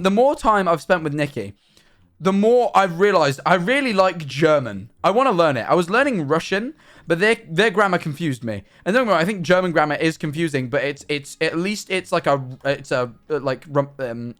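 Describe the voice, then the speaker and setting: A young man streaming live, chatting in a rambling, animated, self-mocking way. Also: fairly high pitch, a little fast. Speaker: livestreamer. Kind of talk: casual stream chat.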